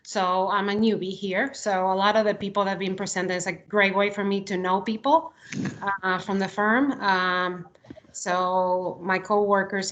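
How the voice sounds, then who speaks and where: A chatty Argentinian woman presents casually to coworkers on a video call, giggling and saying "um" often. Her voice is mid-range, the audio has its highs cut off, and there's a little hiss or hum.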